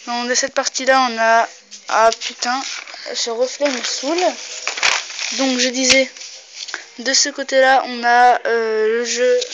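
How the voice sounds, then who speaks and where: A young woman hosting a casual vlog, talking loosely with lots of fillers and frequent swearing. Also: fairly high pitch. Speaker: video host. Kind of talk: casual vlog showing posters. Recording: dull lo-fi home recording with clear noise.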